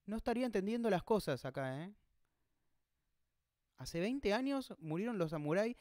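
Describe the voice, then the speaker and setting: High-voiced man reading a manga. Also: animated, moderate pace, darkish tone, no echo, studio quality. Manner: reads dialogue aloud, stops to puzzle over details; reads out chat comments. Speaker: manga reaction host. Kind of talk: reading a manga aloud with live commentary.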